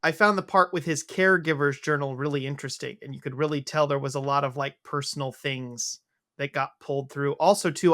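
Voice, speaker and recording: A man's voice: on the high side, a bit bright, no echo, clean studio sound. A man co-hosting a book-club podcast, talking in a chatty, enthusiastic way. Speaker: podcast co-host.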